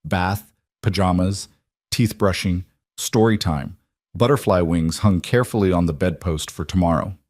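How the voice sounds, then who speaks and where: A man reading a story aloud as narrator, in a measured storytelling manner. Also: low-pitched, darkish tone, no echo, clean studio sound. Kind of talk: scripted narration.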